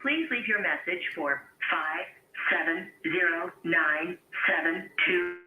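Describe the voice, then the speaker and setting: A man's voice as an automated answering machine message, a recorded phone system prompt with an even, measured delivery. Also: high-pitched. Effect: automated answering machine message played over a phone call. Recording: tinny, echoey phone line with faint hiss.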